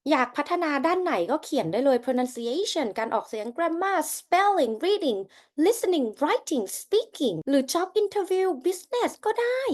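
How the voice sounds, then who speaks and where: A woman English teacher talking casually and enthusiastically about a language platform. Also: very high-pitched. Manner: bubbly and enthusiastic. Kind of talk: casual sponsored lesson talk.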